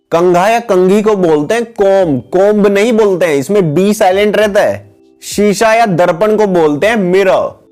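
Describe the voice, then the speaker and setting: A man teaching English words for household items in a steady, repetitive voice-over, calling his viewers guys. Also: high-pitched. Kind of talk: vocabulary lesson voice-over with pictures.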